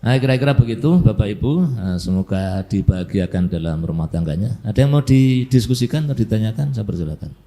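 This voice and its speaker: A man's voice: lowish voice, animated, brisk, warm tone. Jokey male preacher. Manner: chatty, jokey, acts out household scenes; repeats a filler tag after each point. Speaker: Islamic preacher. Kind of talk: casual sermon.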